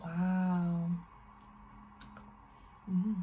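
A woman's voice: lowish voice, flat delivery, extremely slow, narrow, tinny audio. A young woman chatting casually as co-host of a home joke challenge. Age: young adult. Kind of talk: casual chat. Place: bedroom, indoors. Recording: faint noise in home room.

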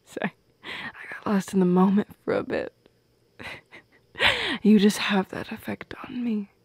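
Playing a shy teenage goth girl who teases, a young woman audio roleplay performer speaks in soft, breathy tones at medium pitch and a steady tone, hesitant and halting with small laughs, often slipping into a whisper. The mood is tender and nervous, and the close mic in a dry space picks up no echo.

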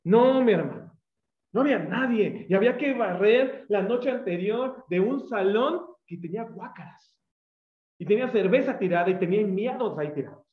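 Mexican guy preaching, high voice, tells stories and acts out the voices, dull echoey sound. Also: moderate pace. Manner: lively storyteller who acts out quoted voices. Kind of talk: storytelling sermon.

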